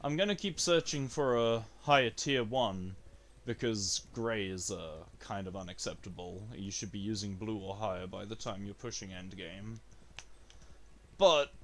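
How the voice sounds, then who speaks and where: Excitable man streaming a game. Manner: excitable, jumps to high yelps when thrilled or annoyed; swears casually, talks to chat. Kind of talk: casual gameplay commentary.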